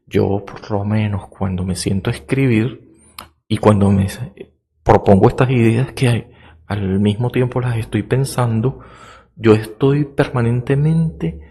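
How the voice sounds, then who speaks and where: Slow, gravelly-voiced man musing philosophically. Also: fairly low pitch, warm tone. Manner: slow, thoughtful, with many fillers and rhetorical checks; explaining like a teacher. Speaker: podcast host. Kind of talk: reflective philosophical monologue.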